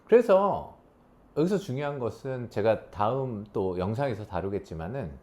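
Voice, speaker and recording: A man giving a spoken talk as a coach, animated, acting out the voices he quotes with big swings in pitch. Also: normal speed. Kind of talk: spoken lecture to an audience.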